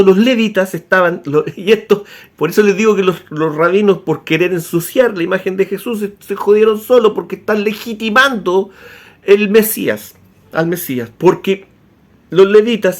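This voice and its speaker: Male author, high voice, casual animated lecture style with frequent restarts. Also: normal speed. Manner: animated, with many tag questions and restarts. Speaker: author explaining history. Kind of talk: informal spoken lecture.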